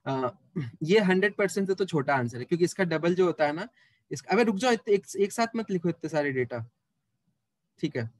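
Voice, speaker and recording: A man's voice: sits high, animated, moderate pace, no room sound. A man teaching a live online math class, chatting with students and teasing them as he works sums aloud.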